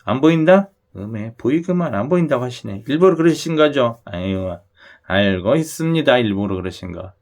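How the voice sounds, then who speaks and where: Speaking at a moderate pace, this man hosts a lottery channel with an animated, slightly mellow mid-range voice and a regional Korean dialect. His talk is chatty, and he often asks viewers to agree, saying "그죠?" again and again.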